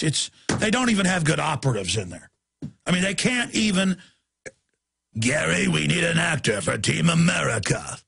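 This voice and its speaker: A man hosts a talk radio show in a ranting, emphatic monologue. His voice sits fairly high for a man and sounds gravelly. It is also rough and husky. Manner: ranting, emphatic, rising to shouts.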